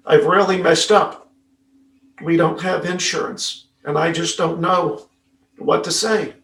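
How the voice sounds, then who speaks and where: A man telling a motivational story as a keynote speaker, acting out the dialogue with dramatic hushed moments. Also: fairly high pitch. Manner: dramatic, acts out quoted dialogue, drops to hushed tones. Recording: echoey room from far off.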